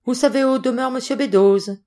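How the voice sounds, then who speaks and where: A woman's voice: mid-range voice, big pitch swings, a little fast. A woman reading the part of a nervous older male landowner who breaks into startled exclamations. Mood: agitated.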